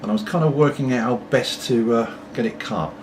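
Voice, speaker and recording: A middle-aged British man, a pipe-smoking video blogger, rambles casually to camera at home with apologetic asides while puffing on his pipe. His mid-range voice moves a little fast, picked up by a distant mic with a clearly noisy background.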